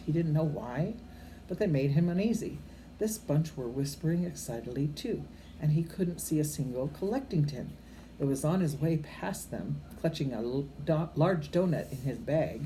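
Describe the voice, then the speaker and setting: In a low-quality amateur recording with faint noise, a low-pitched older woman tells a story from a book to children in grandmotherly fashion. She reads expressively but unpolished and homely, now and then tripping on a word and fixing it, and she drops casual remarks to her young listeners.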